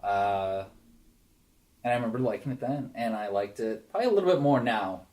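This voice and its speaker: A man's voice: lowish voice, expressive, brisk, a little mellow. A young man co-hosting a casual movie podcast, chatty and thinking aloud. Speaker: podcast co-host.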